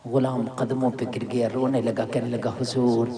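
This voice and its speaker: A male preacher telling a religious story in a sermon, dropping to hushed asides and building to shouted climaxes. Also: mid-range voice, little pitch movement, normal speed. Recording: live gathering with crowd behind. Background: crowd.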